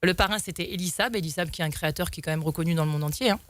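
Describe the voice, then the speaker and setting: A young woman whose first language is French tells stories as a guest on a talk show, speaking very fast in a lowish voice with no echo. Her casual interview storytelling rambles, full of fillers and restarts.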